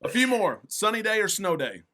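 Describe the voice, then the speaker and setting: A man hosting a casual interview, agreeable and quick to echo short affirmations. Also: high-pitched, sing-song, sharp tone. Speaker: interview host.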